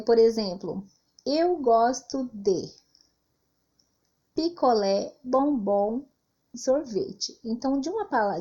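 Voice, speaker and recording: A Brazilian woman teacher giving a slow, clear literacy lesson for children and acting out example sentences. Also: on the high side, warm tone, muffled recording. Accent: Brazilian Portuguese.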